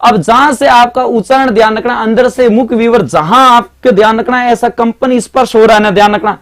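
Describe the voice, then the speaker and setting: A man with a Marwari accent teaches grammar in a live online class, talking chattily, repeating himself and constantly urging students to pay attention. His voice is very high and a bit bright, with a steady tone and a moderate pace.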